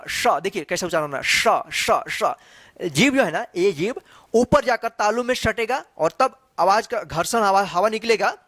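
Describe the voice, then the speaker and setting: This man's voice sits high and a bit bright in a dry recording. He gives a slow classroom-style lesson on the Hindi alphabet, repeating every sound for demonstration and firing off one question after another.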